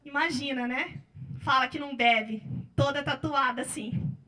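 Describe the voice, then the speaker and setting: A Brazilian Portuguese-speaking woman, a public defender, giving a workshop lecture with slides and telling cases in a lively way, often ending with "né?". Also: high voice, measured pace. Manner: lively storytelling with frequent "né?" tag questions.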